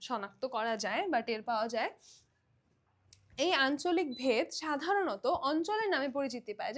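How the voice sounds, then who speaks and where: A young woman from Bangladesh teaching an exam-prep lesson, explaining in a conversational way, often checking in with her students and mixing in English words. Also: high-pitched.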